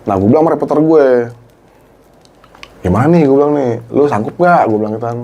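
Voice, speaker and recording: Speaking fast at medium pitch, a middle-aged ex-TV cameraman relates a story in casual Jakarta slang. His telling is animated, and he acts out the dialogue he quotes.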